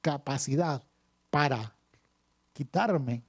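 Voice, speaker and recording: A male pastor preaching a sermon, reading scripture aloud and pausing for emphasis with repeated phrases. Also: mid-range voice, slightly rough. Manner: preaching with dramatic pauses and repetition.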